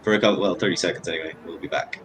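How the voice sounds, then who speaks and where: A man's voice: sits low, fairly even intonation, very fast, background noise. A man giving live play-by-play commentary, chatty and analytical, with self-deprecating asides. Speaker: sports commentator.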